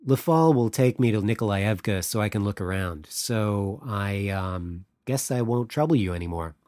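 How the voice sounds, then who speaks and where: A man's voice: on the low side, lively intonation, moderate pace, darkish tone, no echo, studio quality, lightly acted. A man voicing an awkward male journalist who speaks hesitantly and politely.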